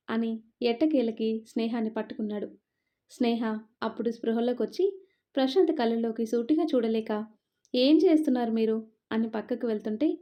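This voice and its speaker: A woman narrates a scripted romance story, acting out each character's dialogue with lively, expressive turns. Her voice sits a little high. The recording sounds dull and lo-fi. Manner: expressive, switching between narration and character lines. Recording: dull lo-fi audio.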